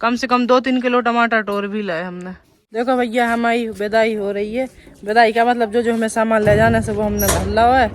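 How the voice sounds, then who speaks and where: A woman's voice: fairly high pitch, fairly even intonation, moderate pace. A woman chatting casually, showing things to the camera. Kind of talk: casual vlog chat. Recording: very noisy outdoor phone recording.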